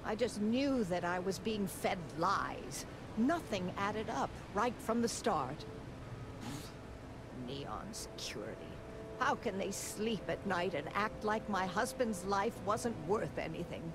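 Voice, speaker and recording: An actress playing a grieving, indignant widow in a video game, earnest and wounded. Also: female voice, medium pitch, animated, takes it slowly, noisy background. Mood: bitter grief. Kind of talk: video game character dialogue.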